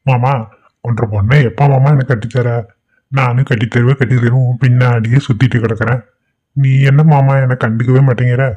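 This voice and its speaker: A man's voice: mid-range voice, fairly even intonation, fairly quick, warm tone, natural voice. A man as a whiny young village suitor. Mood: pleading. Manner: whiny, pleading. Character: pleading young village man wanting to marry. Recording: dull lo-fi audio.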